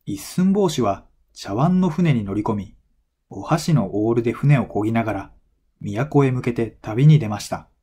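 A man with a mid-range, dark-toned voice narrates a folktale from a script meant for language learners. His storytelling is animated yet measured, with every phrase clearly shaped.

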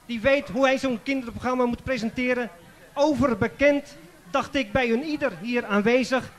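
A man's voice: extremely high pitch, fairly even intonation, moderate pace. A man introducing the presenter on stage in a festival tent, speaking stiffly and formally. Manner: stiff and formal, rising to a loud announcement. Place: large festival tent before an audience.

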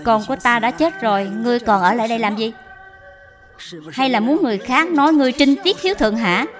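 A woman voicing a harsh, scornful old mother-in-law who scolds and shouts in a dubbed period drama. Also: a little high, fast talker, close to an everyday voice. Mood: furious. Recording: with music behind.

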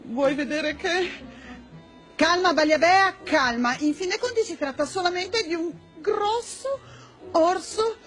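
An actress playing a fussy, kindly, anxious palace maid in a children's TV fantasy, exclaiming theatrically. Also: female voice, very high-pitched, a little slow, a bit bright, faint music behind. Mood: anxious, flustered. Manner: exclamatory, talks to herself. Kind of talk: theatrical children's television acting. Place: indoor television studio set.

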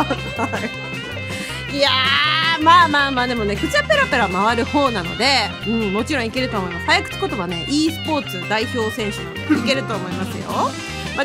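A woman hosting a comedic radio variety show, sharp-tongued and quick to shout in mock anger. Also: high-pitched. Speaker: radio show host, VTuber.

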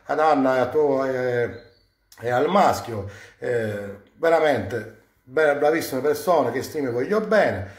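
A man from Sicily hosting a cooking live stream from his home kitchen, warmly greeting viewers one by one and drawing out their names. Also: mid-range voice, lively intonation, reverberant. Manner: warm, effusive greetings, drawn-out names. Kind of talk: casual live-stream shout-outs.

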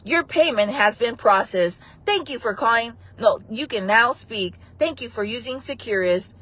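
A woman putting on a flat, slow impression of the automated recording that plays on a jail collect call from a payphone, reading out robotic prompts. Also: a little high, slightly rough. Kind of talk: comic impression in a casual vlog.

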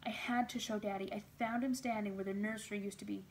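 A woman reading a children's novel aloud as storyteller, in a steady, expressive voice. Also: mid-range voice, quick pace.

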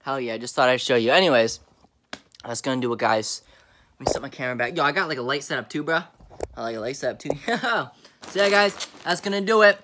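A man's voice: mid-range voice, animated, fast talker, background noise. A young man vlogging a snack taste test from his home basement, talking in laid-back slang and chewing as he goes.

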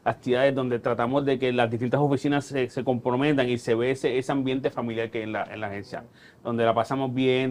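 A Puerto Rican man, a department employee, explaining things in long run-on stretches on a podcast. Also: medium pitch. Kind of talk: casual podcast chat.

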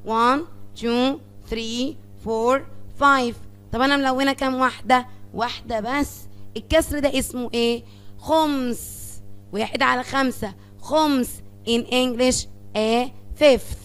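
A woman's voice: sits high, steady tone, unhurried, fairly bright tone, clean tone. A woman with an Egyptian Arabic accent teaching fractions to young pupils, asking questions and answering them herself as she counts aloud. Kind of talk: classroom lesson on fractions.

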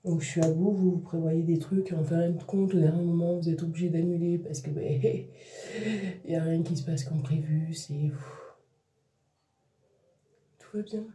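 A woman's voice: on the low side, fairly even intonation, moderate pace, mellow. A tired woman, venting in a casual vlog to her viewers, talking in restarts and trailing phrases. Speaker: vlogger, mother. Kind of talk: casual vlog talk to camera. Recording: roomy echo, voice a bit far from the mic.

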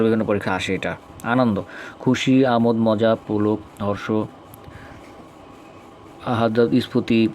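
Young guy w reading word lists, low flat voice, faint background hiss. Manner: slow, deliberate listing with casual asides. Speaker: grammar study video maker. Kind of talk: reading out synonym lists for revision.

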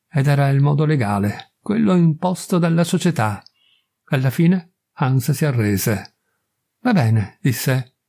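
A man narrating a story as an audiobook reader, with measured, unhurried delivery. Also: a little high, gravelly, warm tone. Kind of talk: scripted narration.

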